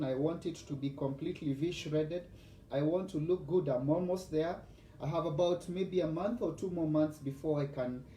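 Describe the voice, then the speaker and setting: A Kenyan man in his forties hosts a live cooking vlog, bragging and greeting his viewers by name. His voice sits high and mellow. The sound is roomy and echoey, with faint noise underneath. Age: 40s. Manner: boastful, chatty, addresses viewers by name. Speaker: host.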